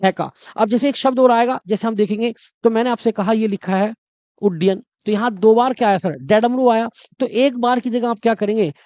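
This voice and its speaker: A man's voice: high-pitched, fairly quick, no echo, muffled recording. A male teacher explaining a grammar lesson, repeating key points and quizzing his listeners.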